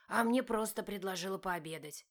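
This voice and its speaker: A woman's voice: medium pitch, normal speed, close to an everyday voice. A woman voicing an easygoing male friend who teases offhandedly and turns defensive. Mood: teasing.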